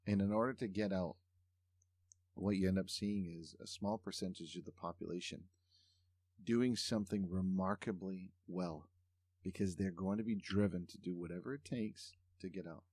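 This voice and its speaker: A man's voice: low-pitched, normal speed, darkish tone, dry recording, studio quality. A man hosting a podcast interview, speaking reflectively and earnestly in long thoughtful turns. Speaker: podcast host. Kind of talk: casual interview chat.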